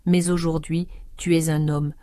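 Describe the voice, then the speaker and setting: A calm, resigned aunt in her sixties, as a woman narrator puts her on, speaking low and steady in an audio story. Her tone is dark and mellow, and it sits dry and close to the mic. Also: no echo. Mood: calm intimate. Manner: calm, measured, intimate. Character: 65-year-old aunt, calm, resigned, insistent.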